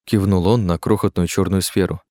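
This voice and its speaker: A man narrating an audiobook in a steady, measured way. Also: sits low, no room sound, studio quality.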